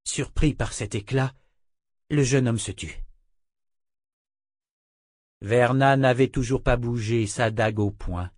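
A man reading a fantasy novel aloud as audiobook narration, measured and expressive. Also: medium pitch, no room sound, clean studio sound. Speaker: audiobook reader.

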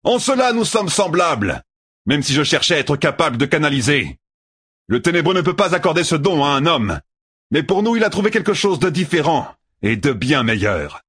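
A man voicing an arrogant, ruthless male killer who shouts and taunts in an audiobook. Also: fairly high pitch, wildly swooping pitch, moderate pace, breathy edge, voice pushed up, exaggerated voice. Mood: taunting. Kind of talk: audiobook character voice.

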